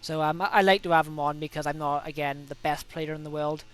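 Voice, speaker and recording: Talking fast in a smooth, fairly bright voice on the high side, a young Welsh gaming video host runs casual commentary over his racing laps. His intonation stays fairly even, he has a cold coming on, and he keeps self-correcting and filling gaps with ums.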